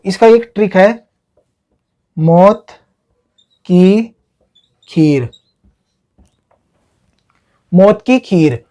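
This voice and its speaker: A man's voice: high-pitched, warm tone. A man teaching an exam-prep lesson, drilling his students with repeated questions and memory tricks. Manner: repetitive question-and-answer drilling.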